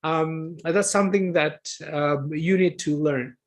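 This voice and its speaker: A man's voice: on the high side, slow pace. A man, a guest lecturer answering questions in an online talk, hesitant and full of fillers as he corrects himself. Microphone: video call.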